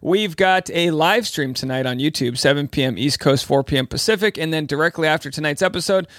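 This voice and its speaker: Male podcast host, casual and chatty, higher-set voice, close dry sound. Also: a little fast, fairly bright tone, no echo. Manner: chatty, informal. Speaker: podcast host and stand-up comic. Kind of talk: casual entertainment commentary.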